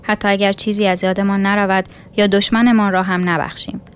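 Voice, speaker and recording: A woman's voice: medium pitch, level tone, slight background noise, natural voice. Stern male sea captain voiced by a woman narrator, dignified and immovable; storybook reading. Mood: firm. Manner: firm, dignified, unyielding.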